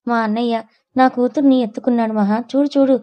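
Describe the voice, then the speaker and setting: Woman playing bubbly young woman, gushing, storybook reading, mellow voice. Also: a little high, level tone, fairly quick, lightly acted. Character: young woman, cheerful and excitable.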